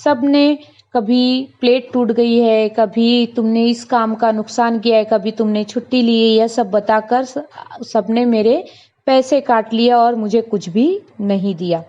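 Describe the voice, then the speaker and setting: A woman's voice: fairly high pitch, fairly even intonation, measured pace, warm tone, lightly acted. A woman voicing a timid, frightened young female servant who speaks fearfully, in a read-aloud lesson. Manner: fearful, hesitant. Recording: dull lo-fi recording.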